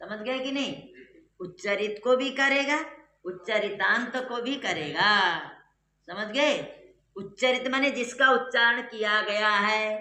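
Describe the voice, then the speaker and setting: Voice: medium pitch, measured pace, sharp tone. A grammar teacher giving a classroom lecture, explaining step by step and quizzing the students. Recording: echoey room.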